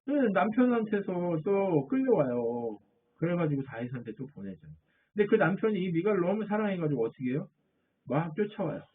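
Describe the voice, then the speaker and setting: A pastor delivers a sermon in a high, slightly rough voice, very animated and brisk, posing questions to his listeners and answering them himself. The audio sounds tinny, like a phone.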